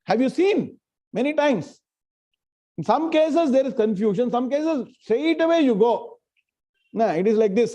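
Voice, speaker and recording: Male scripture teacher, South Indian accent, high voice with lively swings, didactic and emphatic, checks in with students. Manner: didactic, emphatic, questioning listeners directly. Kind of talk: live scripture lesson with line-by-line explanation.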